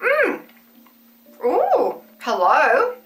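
A high, lively woman's voice, bright and forceful, talking through a mouthful as she chews. She gushes and exclaims over each bite, with faint music playing behind her. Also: extremely slow, distant mic. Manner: gushing, exclamatory. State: talking while chewing. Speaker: vlogger tasting chocolate bars. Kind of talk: casual taste-test commentary.

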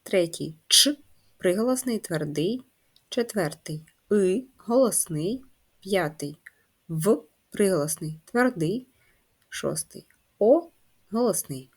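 Slow, patient woman teaching first graders. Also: medium pitch, expressive, husky. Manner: slow, patient, instructive, spells out letters and sounds. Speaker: primary school teacher. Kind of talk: first-grade handwriting lesson.

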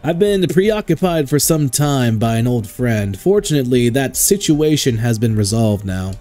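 A man voicing a calm male archangel in a video game, formal and measured. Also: mid-range voice, faint music behind, natural voice. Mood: lofty.

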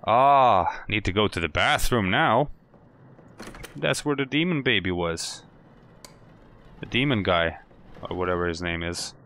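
Deep gravelly man swearing through a game. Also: animated, a little slow, long pauses, fairly bright tone. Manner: jumpy, swearing, talking to himself and the game. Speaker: gaming channel host. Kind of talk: let's play commentary.

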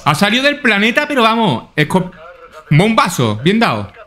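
A man's voice: high-pitched, wildly swooping pitch, moderate pace, pushed and bright. A man doing casual let's-play commentary, swearing often and thinking aloud to himself. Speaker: gaming YouTuber.

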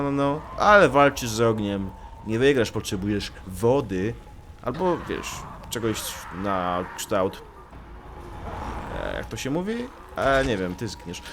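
A man commentating his own gameplay in a joking, chatty way, his pitch swinging widely. He teases the enemies on screen as he goes. Clear noise sits under his voice. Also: fairly bright tone. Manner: joking, talks to the enemies he fights. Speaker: gaming YouTuber. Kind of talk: Let's Play commentary.

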